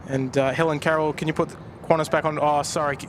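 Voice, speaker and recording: Traffic and planes rumble in the background as an Australian man live streams from an airport viewpoint, casually chatting and thanking his viewers. He's a plane spotter with a slightly high, level voice, and he talks fast.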